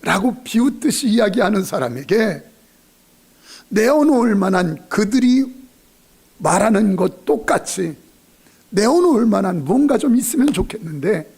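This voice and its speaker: Preaching with humor and emphasis, this male pastor often acts out other people's words in a lively sermon. He has a high voice with a breathy edge and speaks at normal speed.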